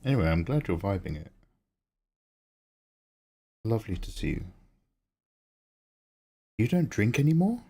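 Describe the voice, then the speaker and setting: A man's voice: fairly low pitch, big pitch swings, unhurried, pauses often, dark tone, breathy edge. A man chatting casually on a livestream as its host, rambling and thinking aloud. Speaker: streamer and digital artist.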